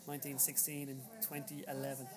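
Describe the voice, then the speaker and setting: A man with an Irish accent giving a casual, halting interview as an author, in a low-quality recording. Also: completely flat delivery. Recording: low-quality recording, loud crowd chatter behind.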